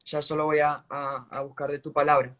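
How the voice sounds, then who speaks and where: A man giving a casual faith testimony on a live stream, earnest and halting, restarting his sentences often. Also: on the high side, little pitch movement, a bit bright. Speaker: guest sharing a faith testimony. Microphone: phone on a live video stream.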